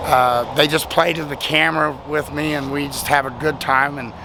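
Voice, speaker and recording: A vlogger whose voice is nearly gone from talking all weekend records a casual thank-you video at a highway rest stop, traffic noise audible outdoors. His slightly high voice is hoarse but steady at a moderate pace, and he rambles in a self-deprecating way.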